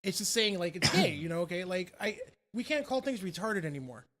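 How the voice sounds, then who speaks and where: A man in his thirties talks fast and chatty on a podcast. His voice sits high, and he laughs at his own remarks as he goes. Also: big pitch swings, fairly bright tone. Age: 30s. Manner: quick, chatty, laughs at himself. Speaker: podcast co-host. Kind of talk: casual crude banter.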